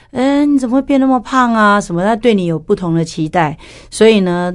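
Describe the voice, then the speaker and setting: A middle-aged woman tells her personal testimony in a frank, storytelling way. Her voice sits a little low for a woman. She acts out the voices of the people she quotes. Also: mellow, no room sound, clean studio sound. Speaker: church worship leader and former singer.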